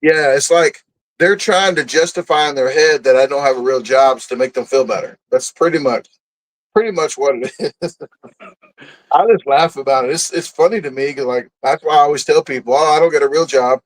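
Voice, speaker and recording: A man's voice: mid-range voice, moderate pace, low-quality recording. A man, a guest telling stories in a casual interview, blunt and boastful, often laughing at himself. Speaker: guest, food and camping content creator.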